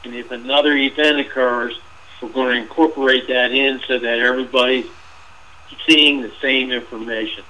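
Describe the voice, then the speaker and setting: A man walks listeners through slides in a webinar, speaking in an informal way, often starting over and filling gaps with "uh". His voice is going hoarse. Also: medium pitch, steady tone, normal speed, sharp tone, rough recording. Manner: informal, repeats himself with fillers. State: losing his voice. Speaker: webinar presenter.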